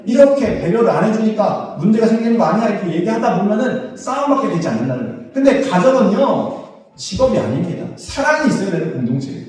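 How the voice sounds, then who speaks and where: In a church sanctuary, a pastor preaches, posing questions to his congregation and then answering them himself. His high voice is sing-song, fast and somewhat dark. The echoey hall makes him sound far from the microphone.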